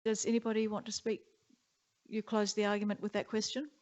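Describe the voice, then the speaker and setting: A woman chairing a council meeting, running through motions and votes in a brisk, procedural way. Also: mid-range voice, flat delivery, darkish tone. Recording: dull muffled council chamber audio.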